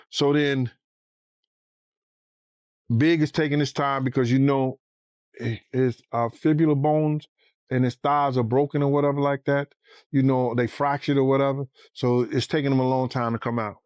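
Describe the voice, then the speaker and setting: A former bodyguard telling a story in a casual interview, animated and profane, acting out the voices he quotes. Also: medium pitch, smooth, no echo, muffled recording.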